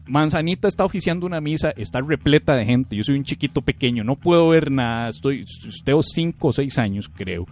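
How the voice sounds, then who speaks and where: A young man with a Costa Rican accent, co-hosting a podcast and telling stories in an animated way, sometimes jumping into a child's shrill voice. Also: brisk, few pauses. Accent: Costa Rican Spanish. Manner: animated storyteller, acts out childish shouts. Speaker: podcast co-host. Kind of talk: casual comedic chat.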